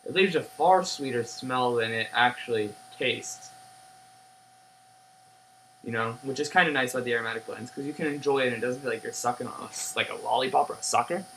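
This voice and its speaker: A young man giving a casual, rambling review in a halting way that trails off, recorded on a webcam in a living room. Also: mid-range voice, pushed and bright. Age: young adult. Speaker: pipe tobacco reviewer. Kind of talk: casual unscripted review chat. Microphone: webcam at desk distance. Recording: humming, noisy webcam audio.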